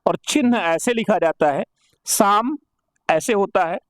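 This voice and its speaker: A man's voice: high voice, a little slow, dry recording, studio quality. A man teaching an exam-prep Hindi grammar lesson. He asks rhetorical questions, answers them himself, and repeats each correct form for emphasis.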